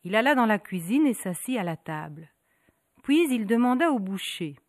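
A woman narrating a folk tale in a rhythmic, repetitive storytelling manner with dramatic pauses. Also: on the high side, very animated, a little mellow, no echo, clean studio sound.

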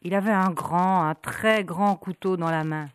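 A woman narrating a folk tale in a rhythmic, repetitive storytelling manner with dramatic pauses. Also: on the low side, clean tone.

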